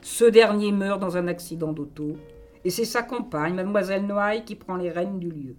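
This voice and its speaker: A woman's voice: mid-range voice, normal speed, a little mellow, faint music behind. A woman reading scripted, dramatic narration for a radio serial.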